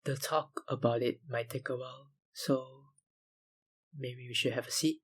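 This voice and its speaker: Man playing a slow, breathy, obsessive vampire. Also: mid-range voice, fairly even intonation. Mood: calm, reassuring. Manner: slow, deliberate, politely insinuating, with sighs and pauses. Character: obsessive, smooth-talking male vampire lab researcher, menacingly polite. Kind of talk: intimate ASMR roleplay monologue.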